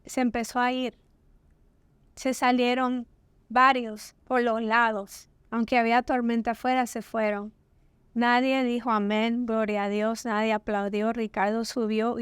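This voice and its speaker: A woman with a higher, smooth and resonant voice tells her personal testimony as a podcast guest. She recounts the story vividly, slipping into the voices of the people she quotes. The sound is dry and close, as in a small studio. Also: no room sound. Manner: vivid, acts out quoted dialogue.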